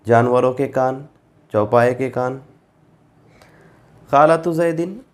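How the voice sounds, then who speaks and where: A man teaching a Quran grammar lesson at an unhurried, careful pace, his pitch sitting in a middle range. He reads each Arabic phrase and then gives its meaning, repeating forms patiently so students can memorize them.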